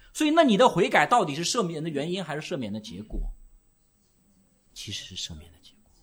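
A man's voice: on the high side, a bit bright, husky. A man preaching a sermon, asking the congregation questions and answering them himself. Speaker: pastor.

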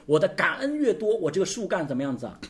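A male pastor delivers a sermon in a fairly high voice that swings widely in pitch. He works his listeners in a call-and-response rhythm, throwing out rhetorical questions and prompting replies. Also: very animated, fast.

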